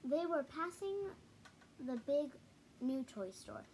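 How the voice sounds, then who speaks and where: Reading a storybook in her living room, a girl of about ten to twelve stumbles and repeats words, stepping away now and then for offhand comments. Her fairly high voice has lively intonation and a darkish tone. The home camera audio is poor, with some noise behind her.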